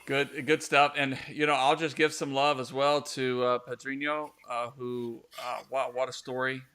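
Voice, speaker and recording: A man's voice: mid-range voice, level tone, normal speed, bright, forceful tone, smooth. A man hosting a casual soccer talk show, rambling with many fillers and restarts. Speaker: podcast host.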